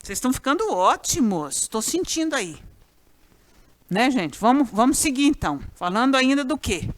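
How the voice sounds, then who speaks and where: Brazilian woman teacher, fairly high voice, chatty classroom delivery, speaks right to her students. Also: moderate pace. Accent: Brazilian Portuguese. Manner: lively, chatty, often addresses students directly. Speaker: Portuguese teacher. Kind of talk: recorded grammar class.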